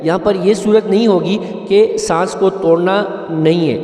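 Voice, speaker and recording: Brief: very high-voiced male recitation teacher, quick explanations, slow sung examples, echoey hall, mic far off. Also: fairly even intonation, warm tone. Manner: brisk explaining broken by slow melodic chanting. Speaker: Quran teacher. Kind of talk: tajweed lesson with chanted recitation examples. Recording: echoey hall, distant mic, faint music.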